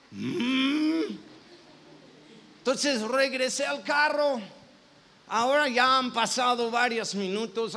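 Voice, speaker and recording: A man's voice: sits high, pushed and bright. A man, a pastor, telling a personal story in a sermon, with many restarts and self-corrections. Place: church.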